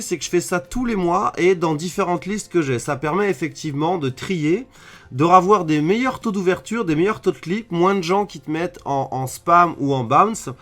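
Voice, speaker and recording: A man's voice: high voice, fairly bright tone. Casual French man explaining on webcam. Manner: casual, many fillers, addresses viewer as tu. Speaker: online marketing trainer. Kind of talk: screen-share tutorial. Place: at his desk indoors. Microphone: computer webcam mic.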